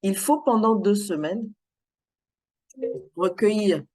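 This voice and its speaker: Slow, measured woman giving a speech. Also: mid-range voice, darkish tone. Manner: measured, deliberate delivery. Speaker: club member giving a speech. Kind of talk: prepared public speech.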